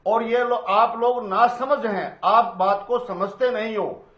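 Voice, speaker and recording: A man from Haryana speaking as a party panelist in a political debate, formal and deliberate as he lists his points, his remote line full of cave-like echo and doubling. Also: sits high. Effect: heavy cave-like echo and doubling on his remote audio line. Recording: echoey, muffled remote audio feed.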